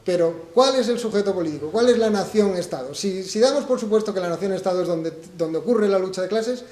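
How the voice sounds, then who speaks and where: A man's voice: high voice, lively intonation, brisk, darkish tone, roomy sound. A man from Spain presenting his book at a public talk, thinking aloud and posing rhetorical questions to the audience. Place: event hall.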